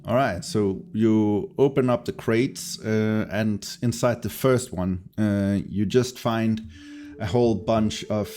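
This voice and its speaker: A man's voice: lowish voice, dark tone. A man narrating a tabletop fantasy game as game master, improvising and hesitantly searching for words.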